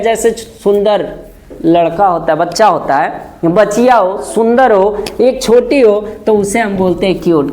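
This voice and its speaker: A man's voice: high-pitched, a little mellow, slight background noise. Male English teacher, lesson drill style, quizzes the class constantly, repeats and spells words. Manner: drills by asking "what will we say?" again and again. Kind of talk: spoken-English lesson in Hindi.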